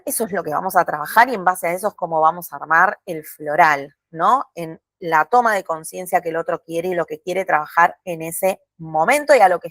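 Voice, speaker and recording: Woman, course instructor, calm and explanatory, dry close sound. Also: lowish voice, no echo. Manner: calm, explanatory, checks in with frequent tag questions. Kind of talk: recorded video lesson.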